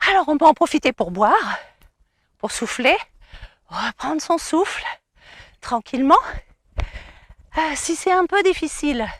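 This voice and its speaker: A woman's voice: high-pitched, animated, a little slow, long pauses, dry recording, clean studio sound. A woman fitness coach guiding a cardio workout outdoors, giving encouraging, coaxing cues and counting down. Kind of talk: guided cardio workout instruction.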